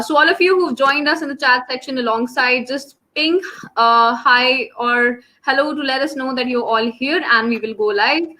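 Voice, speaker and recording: Young indian accented lady hosting a student webinar, high voice, really bright and crisp edged. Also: low-quality recording. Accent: Indian English. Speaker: webinar host. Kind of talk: live webinar presentation to students. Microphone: online call microphone.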